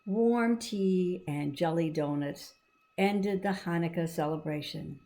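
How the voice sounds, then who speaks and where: In a lowish, dark-toned voice, a woman slowly reads a story to children, stopping to explain parts of it. She sounds encouraging and teacherly, keeping things simple.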